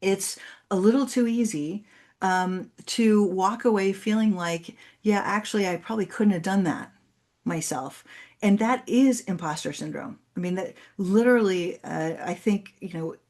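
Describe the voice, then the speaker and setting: In a conference presentation followed by Q&A, a native Spanish-speaking woman talks at moderate pace with a medium-pitched, darkish voice. She explains things articulately, like a university speaker.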